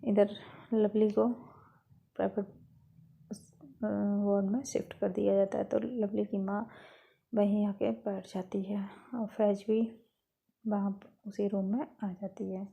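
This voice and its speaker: A woman storyteller narrating a romance story in a plain, steady retelling with small restarts. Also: medium pitch, unhurried, gravelly, long pauses, highs cut off.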